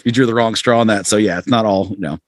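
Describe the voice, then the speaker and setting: A fairly low, fast-talking male voice comes through in a studio-quality recording without room sound. He's a southern American rock musician in his forties, a podcast guest who tells rambling, self-deprecating stories in a casual chat.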